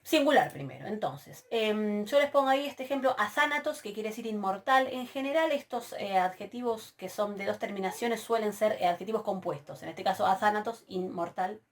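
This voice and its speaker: A woman giving a recorded university lecture on grammar, patiently checking in with "¿sí?" and slowly spelling out word forms. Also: medium pitch, expressive. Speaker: Greek teacher.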